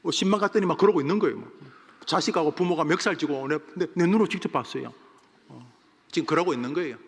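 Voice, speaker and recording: A man who is a senior pastor, preaching a sermon in a church, dramatic and ready to break into loud acted-out shouts. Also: on the high side, quick pace, breathy edge. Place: church sanctuary. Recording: long reverb of a church hall.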